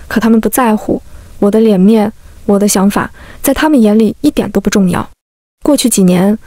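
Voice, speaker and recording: A woman reading a first-person emotional story as scripted narration, in a calm, steady manner. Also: mid-range voice, no room sound, studio quality.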